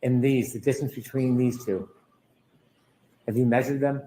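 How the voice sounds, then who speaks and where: Male lawyer, courtroom cross-examination. Sceptical, insistent, middling pitch, statements turned into challenges. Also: fairly even intonation, normal speed, warm tone, rough recording. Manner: pressing, sceptical, ends statements in tag questions.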